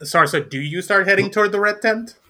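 A man narrating a tabletop role-playing game as game master, playful and quick to laugh. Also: high voice, sharp tone, a little hiss or hum.

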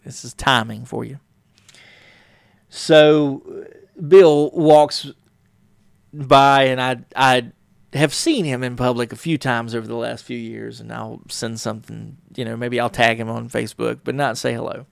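A middle-aged man talks through a solo podcast episode, circling back and correcting himself as he tells a story. His voice has a gravelly edge. The recording is close and dry, with no room sound. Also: mid-range voice, steady tone, a little slow, no room sound. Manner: rambling, self-correcting, warm storytelling with frequent fillers. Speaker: podcast host.

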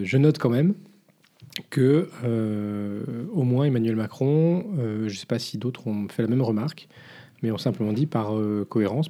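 Hesitant, dark-voiced male podcast co-host. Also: medium pitch. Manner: hesitant, many filler sounds. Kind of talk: casual news commentary.

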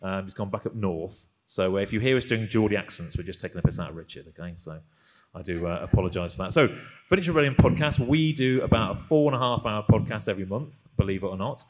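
Male host, low-pitched, chatty and self-deprecating, loose with fillers. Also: expressive, quick pace, few pauses, darkish tone. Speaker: podcast host. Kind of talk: live podcast chat before an audience.

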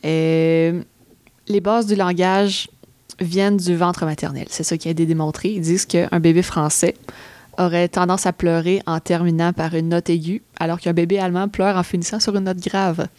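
A woman's voice: lowish voice, flat delivery, normal speed, darkish tone, no room sound. A woman with a Québécois French accent explaining facts in a casual chat, hesitant, with many fillers.

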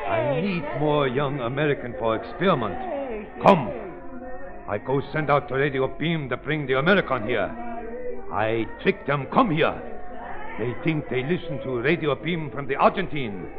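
Gloating, very old mad scientist. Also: male voice, on the high side. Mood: triumphant. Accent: foreign-accented English. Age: older. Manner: gloating, cackling, broken English. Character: very old man, cruel boastful mad scientist. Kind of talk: 1930s radio melodrama acting. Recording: dull old 1930s radio recording, organ music.

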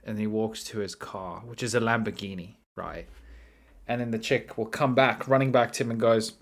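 A man's voice: lowish voice, fairly even intonation, moderate pace. A man giving casual, sarcastic vlog commentary, chatty and fond of tagging "right?" onto his points.

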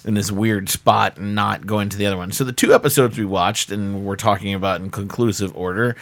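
A man's voice: fairly low pitch, fairly even intonation, a little fast, a bit bright, dry recording. A man chatting casually as a podcast host.

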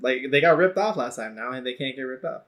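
A man's voice: medium pitch, animated, fast talker, fairly bright tone. A man co-hosting a casual podcast, laughing often and swearing freely as he talks. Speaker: podcast co-host. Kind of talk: casual chat.

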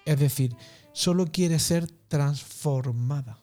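A man calmly explaining emotions as a guest, in a slow, measured, spiritual teaching manner. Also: fairly high pitch, faint music behind. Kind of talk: calm reflective explanation.

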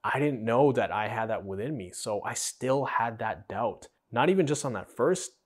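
A man's voice: medium pitch, expressive, moderate pace. A young man hosting a podcast, telling his own story in an earnest, conversational way and acting out the dialogue. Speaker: podcast host. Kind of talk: personal storytelling.

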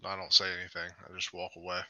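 A man's voice: low voice, completely flat delivery, very fast, pushed and bright, dry recording, poor audio. A man playing a tabletop game, laid-back and wry as he talks with the game master. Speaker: player.

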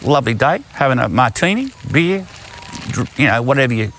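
A man's voice: mid-range voice, lively intonation, fairly quick, fairly bright tone, slight background noise. A man, a dog trainer explaining his methods in a plain, down-to-earth way while working outdoors. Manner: down-to-earth, storytelling with acted-out quotes.

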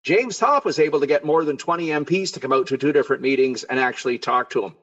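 A man's voice: fairly high pitch, fast, fairly bright tone. Urgent middle-aged man, lo-fi audio. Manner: earnest, urgent, repetitive emphatic lists. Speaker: guest. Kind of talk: political interview talk.

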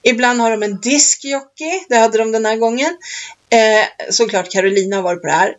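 A woman co-hosting a podcast in casual chat, rambling through stories and laughing often. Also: on the high side. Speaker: podcast co-host. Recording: dull lo-fi recording.

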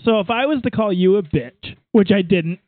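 A man's voice: high voice, animated, moderate pace, no room sound. A man co-hosting a casual chat podcast, playful and joking, laughing often. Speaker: podcast co-host. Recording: dry tinny phone-like sound.

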